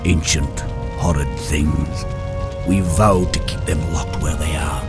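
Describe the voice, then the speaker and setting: An actor playing a gruff, defiant male dwarf warrior in a video game, indignant and forceful. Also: rumbling low, steady tone, takes it slowly, heavily acted. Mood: bitter, warning. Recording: loud game music behind.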